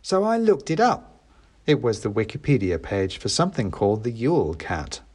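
A man's voice: medium pitch, wildly swooping pitch, moderate pace, darkish tone, slightly rough. A man voicing a sulky, indignant red-haired boy in a raised, petulant voice while reading an audiobook. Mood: eager.

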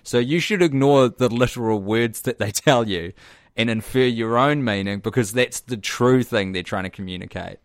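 A man's voice: medium pitch, moderate pace, no room sound, studio quality. A man co-hosting a podcast in casual chat, blunt and exasperated with a sardonic edge. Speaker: podcast co-host.

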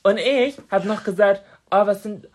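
With a mid-range voice and moderate pace, this thirtysomething podcast co-host shares an anecdote during a casual chat. She's an animated storyteller who laughs frequently and performs her own quotes from the time.

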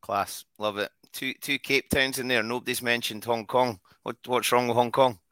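A man's voice: mid-range voice, fairly even intonation, moderate pace, a bit bright, clear, resonant tone, dry recording. A man hosting a bantering interview podcast. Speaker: podcast host.

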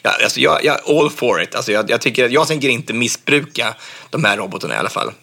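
A man's voice: mid-range voice, lively intonation, gravelly, sharp tone, slightly rough. A man co-hosting a casual podcast chat, rambling and filling his talk with fillers. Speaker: podcast co-host.

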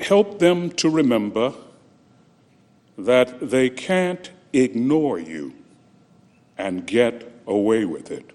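A man serving as chaplain, delivering an opening prayer slowly and solemnly. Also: medium pitch, darkish tone. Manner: slow, solemn, deliberate. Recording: long reverb of a large chamber.

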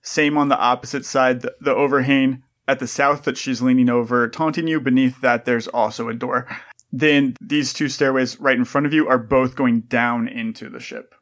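A man narrating a tabletop game as game master, describing scenes in a measured way. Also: medium pitch, steady tone, a bit bright.

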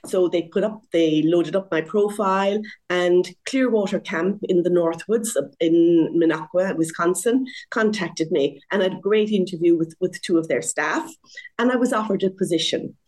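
A woman in her sixties, a guest telling her story in a lively, conversational interview, laughing often at herself. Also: lowish voice, moderate pace. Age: 60s.

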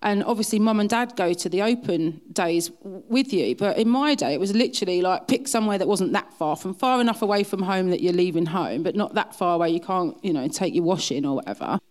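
A woman's voice: lowish voice, a little fast, hardly any pauses, a little mellow. A middle-aged woman with an Essex accent telling anecdotes in a chatty, self-deprecating way as an interview guest. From south-east England. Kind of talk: casual anecdotal chat.

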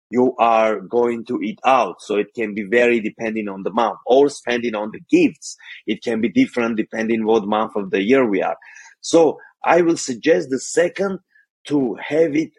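An Armenian man with an Armenian accent appears as a guest financial coach on an interview podcast, carefully explaining money tips with some non-native phrasing. His medium-pitched voice is gravelly and husky, captured in a dry recording with poor audio.

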